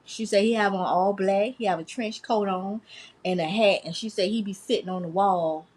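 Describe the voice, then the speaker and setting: A woman, telling a spooky story in a casual chat and quick to question and laugh. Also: medium pitch, darkish tone.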